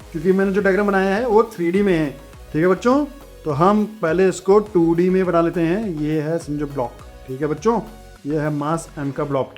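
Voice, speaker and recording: A man giving an online physics lesson in a chatty style, often checking in with his students. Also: high voice. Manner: chatty, keeps asking "theek hai bachchon"; reads the question aloud slowly. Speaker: physics teacher.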